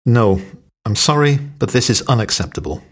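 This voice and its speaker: Husky man reading everyday phrases. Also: mid-range voice, animated, moderate pace. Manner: reads short stand-alone sentences, each with its own acted intonation. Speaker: phrase reader.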